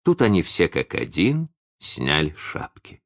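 A man narrating a children's story in an expressive, animated audiobook reading. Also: rumbling low, gravelly. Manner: animated storytelling, slow and deliberate.

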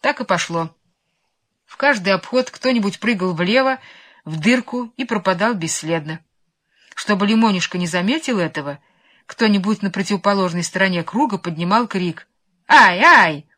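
A woman reading a children's story aloud in an expressive, animated, playful way. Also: medium pitch, moderate pace.

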